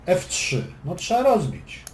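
A man's voice: high-pitched, wildly swooping pitch, a little slow. A man giving a chess lesson, calling moves and explaining plans, with dry joking asides. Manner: dry joking asides between move calls. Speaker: chess instructor. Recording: echoey room with faint background noise.

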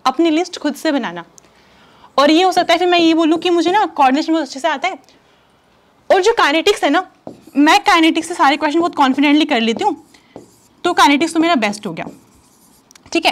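High-voiced woman coaching exam students. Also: quick pace, pauses often. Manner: chatty, direct, reassuring, addresses students as "you". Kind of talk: casual Hindi-English teaching talk.

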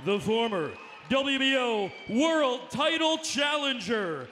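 A man calls out the fighters with long, booming, drawn-out introductions, slipping in bits of Spanish. His voice sits high and bright. A faint hum runs behind him. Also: animated. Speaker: ring announcer. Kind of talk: boxing ring announcement. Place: arena.

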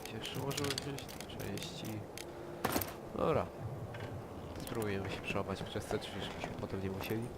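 Low nasal man with a cold, game commentary. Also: moderate pace, pauses often, heavy background noise. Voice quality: nasal, congested, stuffed-nose sound. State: sick with a cold. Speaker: let's play host. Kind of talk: casual game commentary, thinking aloud. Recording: loud game music behind the voice. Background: loud game music.

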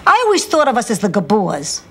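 An older actress playing a blunt, sly elderly mother, delivering deadpan wisecracks in studio sitcom style. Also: medium pitch, brisk. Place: sitcom kitchen set. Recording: noisy 1990s TV sitcom audio.

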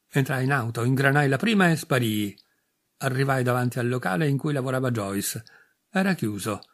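Man narrating an audiobook, measured. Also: medium pitch. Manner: measured, first-person storytelling, dry and bitter. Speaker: audiobook reader.

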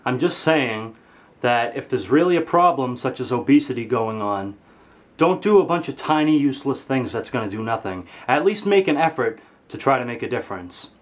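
A teenage boy, a vlogger, rants to his webcam in his bedroom with comedic, exaggerated anger and lots of swearing. His male voice is expressive and moderately paced, and his pitch jumps high when he's outraged.

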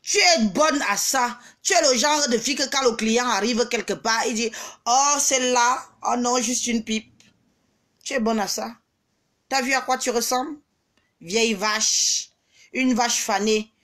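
A woman ranting on her vlog, taunting and mocking, with bursts of shouting and scornful laughter. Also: fairly high pitch, normal speed. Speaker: vlogger. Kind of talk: angry social media rant.

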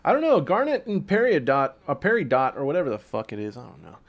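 A man streaming gameplay, commenting casually in slang with swearing, a little tipsy from drinking, and breaking into excited yells during play. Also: medium pitch, fast talker. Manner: laid-back, slangy, swears, bursts into excited yelling at play. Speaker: gaming streamer.

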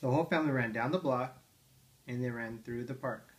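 In a quick, medium-pitched voice, a dad reads to his toddler from picture books while sitting in a living room armchair at home. He's playful and coaxing, prompting her with questions about the pages.

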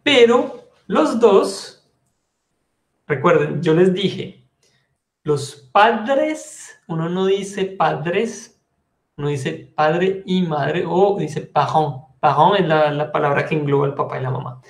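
High-voiced man teaching French patiently. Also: takes it slowly, reverberant. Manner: explains patiently, repeats and spells words. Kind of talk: online language class.

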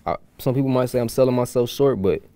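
A man's voice: medium pitch, quick pace, dark tone, no room sound. A young man from Houston, chatting loosely as a guest musician, with plenty of fillers and restarts. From Houston, USA. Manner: rambling, loose, with many fillers. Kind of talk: casual chat.

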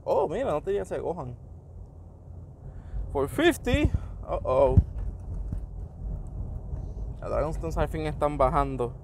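Bilingual male gamer narrating summons, unhurried, a bit high-pitched, noisy recording. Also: lively intonation, vocal fry. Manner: mixes Spanish and English, reacts to each pull. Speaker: gaming YouTuber. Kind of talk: casual gacha summon commentary.

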